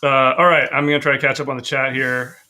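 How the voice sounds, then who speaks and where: A man's voice: mid-range voice, level tone, fast, sharp tone. A man co-hosting a whiskey tasting livestream, chatting casually, reading out viewer comments and laughing often. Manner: rambling, reads out viewer chat, laughs often. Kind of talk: casual chat.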